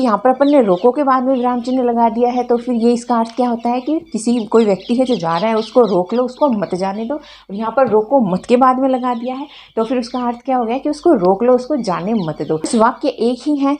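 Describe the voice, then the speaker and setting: A woman's voice: fairly high pitch, mellow, a little hiss or hum. A woman teaching a grammar lesson for exam preparation. She asks the viewers questions and answers them herself, repeating the key points.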